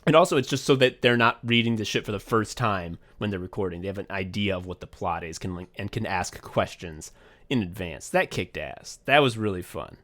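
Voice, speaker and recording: A man with a lowish voice co-hosts a podcast, casually recalling how he wrote and directed an audio drama. He tends to ramble, curse often and lean on "like," getting briefly excited now and then.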